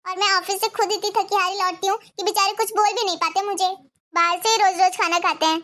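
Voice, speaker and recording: A woman's voice: very high voice, steady tone, fast talker, sharp tone. A woman voicing a worried young wife confiding to a friend in a cartoon story.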